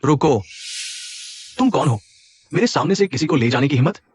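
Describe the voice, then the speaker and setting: A man's voice: a little high, animated, moderate pace, breathy edge. A man voicing a greedy, sneering bully in a dubbed drama, mocking and scornful.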